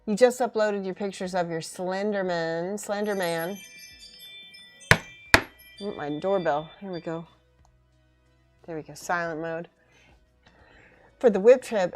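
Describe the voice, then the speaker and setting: A woman chatting casually on a live stream as she works on a craft, informally thinking aloud and muttering to herself. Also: fairly low pitch. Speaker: streamer building and painting miniature models. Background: music.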